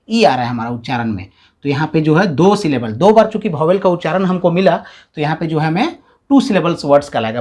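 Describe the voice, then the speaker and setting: A man gives a step-by-step video grammar lesson. His pitch swings widely as he talks, and he drags out syllables to sound them out. He often checks in with his listeners. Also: a little mellow. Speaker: English grammar teacher. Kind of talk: classroom-style video lesson.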